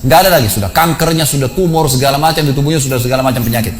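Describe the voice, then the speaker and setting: A man preaching a sermon, telling a story that swings between hushed and raised passages. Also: medium pitch, very fast, slight background noise. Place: mosque.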